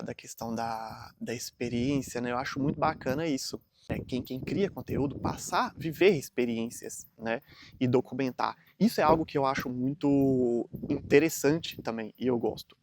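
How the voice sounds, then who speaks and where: A man's voice: mid-range voice, a little mellow, a little hiss or hum. A man, talking casually and earnestly to camera in a rambling motivational vlog full of fillers. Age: 30s. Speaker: vlogger.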